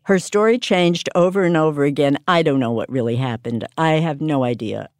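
Low-voiced woman giving an interview. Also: normal speed, darkish tone, dry recording. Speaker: interview guest. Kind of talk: conversational documentary interview. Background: faint music.

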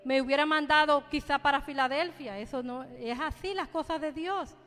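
In a large hall, a woman with a high, fairly bright voice delivers a fervent testimony in church, preaching to the congregation and repeating phrases for emphasis.

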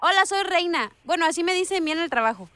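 A woman's voice: very high voice, animated, fast, a bit bright, no room sound, clean studio sound. A woman making a prank phone call, feigning innocence and goading the listener. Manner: feigns innocence, repeats herself to provoke. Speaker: prank caller.

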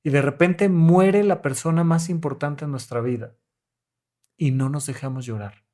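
A man's voice: fairly high pitch, moderate pace, dark tone. A Mexican-accented male therapist on a podcast. He coaches his listeners in a demonstrative way and acts out breaths and sighs as he explains. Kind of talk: podcast talk on emotions.

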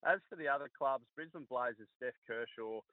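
Man, Australian accent, blokey and laid-back, casual sports punditry, medium pitch, tinny phone audio. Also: brisk, no echo. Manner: blokey, laid-back Aussie mateship slang. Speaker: sports pundit and former player. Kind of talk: casual radio sports chat.

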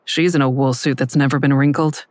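A woman's rumbling low voice, fairly quick and fairly even in intonation, voices a defiant, troubled suspect in an audio drama, narrating her story in the first person with guarded, anxious, pointed dialogue. It's a dry, studio-quality recording with music behind it.

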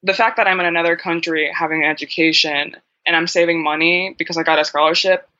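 A woman guest in a casual interview conversation, an animated storyteller who acts out quoted dialogue. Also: fairly low pitch, fast talker. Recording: dull lo-fi sound.

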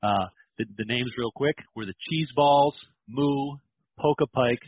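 A man being interviewed as a podcast guest, answering casually and relaxed. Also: medium pitch, a little slow, slightly rough. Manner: relaxed, with fillers and restarts. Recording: tinny phone-line audio.

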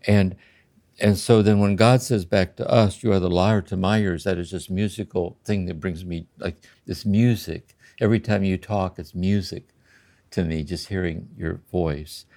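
An older man in a slow, contemplative spiritual conversation, often checking in with "See?". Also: deep voice, steady tone, warm tone. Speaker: podcast host and spiritual teacher.

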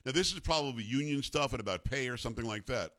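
A man's voice: mid-range voice, lively intonation, fast, a bit bright, dry recording, clean studio sound. A man in his fifties hosting a talk radio show, teasing his co-host and then giving blunt opinions in casual banter. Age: 50s.

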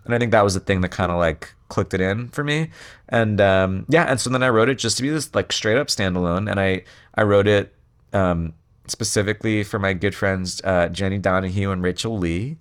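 A man's voice: fairly low pitch, a little fast, smooth. A man talking casually in an interview about writing a song, rambling with many fillers and restarts. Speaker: songwriter guest.

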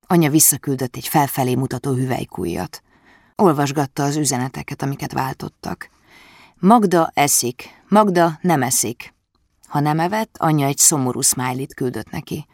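Creaky, dry-voiced audiobook narrator. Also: medium pitch, dry recording.

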